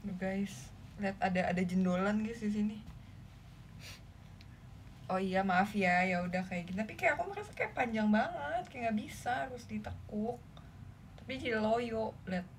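A woman's voice: mid-range voice, lively intonation, moderate pace, long pauses. A young woman chats casually on a livestream from indoors through a phone mic. She sounds flustered and shy, with giggly, embarrassed chatter. A faint hiss of noise sits behind her voice. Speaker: idol livestream host.

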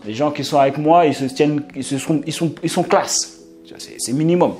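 A man's voice: a little high, normal speed, soft background music. A young man giving dating advice in a casual, slangy, joking storytelling manner. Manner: animated, streetwise, slangy and joking. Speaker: dating advice video host.

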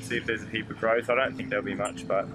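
A man's voice: lowish voice, flat delivery, fast, noisy background. A young man chatting casually on his sailboat, easygoing and rambling with fillers. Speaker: sailing vlogger. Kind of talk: casual vlog chat. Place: sailboat outdoors on the water.

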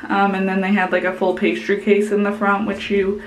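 A woman's voice: mid-range voice, completely flat delivery, brisk. A young woman talks straight to a camera at arm's length, giving a casual restaurant review. Her voice sits in an ordinary middle register, full of "like" and "um". The small room around her is noticeably echoey. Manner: chatty, heavy use of "like" and "um". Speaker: vlogger. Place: indoors, small room with plain wall.

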